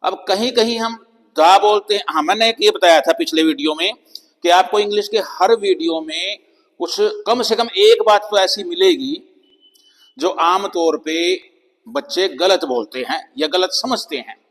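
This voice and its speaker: A man with a Hindi accent teaching English pronunciation, slowly spelling out letters and repeating example words one by one. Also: high voice, fairly bright tone. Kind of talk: classroom-style pronunciation lesson. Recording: long reverb of a hall-like room.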